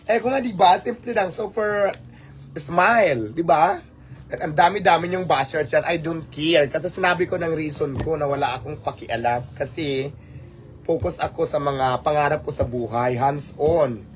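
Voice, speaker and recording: A man hosts a casual livestream, his voice a little higher than most men's. He talks in a lively, rhetorical way, firing questions at his audience and slipping into English. Faint ambient noise sits under his voice. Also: normal speed. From Philippines. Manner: animated, rhetorical, mixing in English. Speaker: livestream host.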